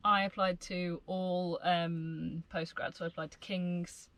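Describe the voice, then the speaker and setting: A young woman with a slightly low voice for a woman. She talks casually to camera as a student vlogger, informal and a bit teasing with her co-host. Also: little pitch movement, measured pace, fairly bright tone. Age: 20s. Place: inside a parked camper van.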